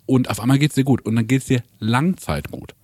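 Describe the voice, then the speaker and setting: Dude rambling on a podcast, kinda husky, dry mic. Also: male voice, mid-range voice, brisk, darkish tone, dry recording. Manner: rambling, chatty explainer with filler "ne?". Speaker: podcast host. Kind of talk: casual chat.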